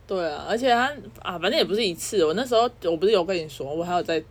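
Quick chatty girl telling gym stories on a podcast. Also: on the low side, animated, slightly rough. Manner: quick, chatty storytelling with frequent laughs. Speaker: podcast co-host. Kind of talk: casual chat.

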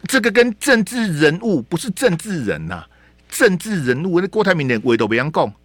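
一位带台湾口音的男电台主持人，语气激动地评论时事，常连声反问、重复字句。. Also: male voice, on the high side, very animated, moderate pace, a bit bright, no echo. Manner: heated, rhetorical questions, repeats words. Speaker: radio talk show host. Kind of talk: opinionated political commentary. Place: radio studio.

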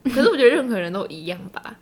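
A young woman co-hosting a podcast in casual chat, often giving soft murmured agreement. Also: on the high side, very animated, rapid-fire. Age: young adult. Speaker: podcast co-host.

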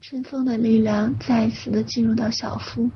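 A woman leads a guided meditation as a sleep story narrator would, soft and soothing, often close to a whisper, with slow, gentle pauses. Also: on the high side, little pitch movement. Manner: hushed, breathy, often near whisper. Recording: dull lo-fi audio with faint noise.

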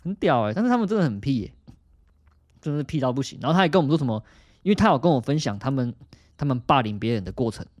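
A young man co-hosting a casual podcast chat, telling stories with lively swings in pitch and bursts of laughter, swearing freely. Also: racing, no echo, clean studio sound. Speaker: podcast co-host.

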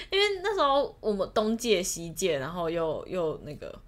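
A woman's voice: on the low side, a little slow. A young woman co-hosting a podcast, chatting casually and laughing often as she tells stories. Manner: laughs often, animated retelling. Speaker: podcast co-host. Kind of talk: casual storytelling chat.

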